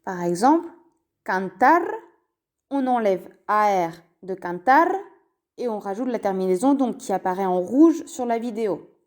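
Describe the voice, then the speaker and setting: Woman, teacher, language lesson, slow careful delivery, mellow tone, repeats forms. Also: mid-range voice, lively intonation. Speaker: Spanish teacher. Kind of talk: language lesson explained in French.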